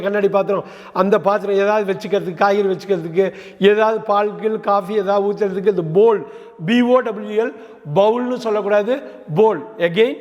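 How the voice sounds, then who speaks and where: High-voiced tamil-accent guy teaching english words, spells them out, lots of reverb. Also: lo-fi sound. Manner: spells words letter by letter, repeats words slowly for listeners. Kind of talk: explaining English pronunciation in Tamil.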